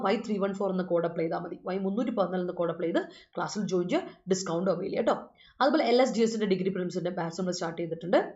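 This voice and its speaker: A woman with a Malayali accent teaches an English class online, switching between English and Malayalam. She reads student sentences slowly and rushes through course announcements. The room sounds roomy and the audio is a little dull. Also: medium pitch, a little mellow.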